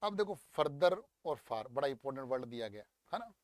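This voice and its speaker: A young man teaching English grammar in a lively, coaxing way, walking through an exam paper and drilling words aloud. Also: medium pitch, a little fast, no echo. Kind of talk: exam paper walkthrough lesson.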